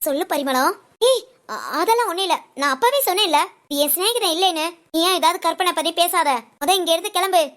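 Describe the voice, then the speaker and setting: Woman reading older ashram woman, heartbroken, reproachful; high-pitched. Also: fairly quick, fairly bright tone, soft background music. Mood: defensive. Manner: tearful, aching, reproachful. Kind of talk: audio story monologue.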